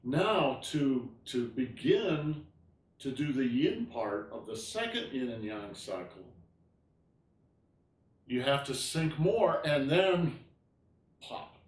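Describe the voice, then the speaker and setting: A man teaching an online tai chi class, explaining gently and often checking in with "all right?". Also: medium pitch, sing-song, slow, long pauses. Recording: roomy echo.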